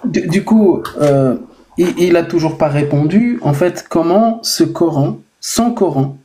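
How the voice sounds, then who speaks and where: A man hosts a live online debate, asking his question again and again. His voice sits a little high for a man yet sounds dark and mellow. He opens with hesitant fillers before pushing firmly ahead. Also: measured pace, a little hiss or hum. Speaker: host and debater.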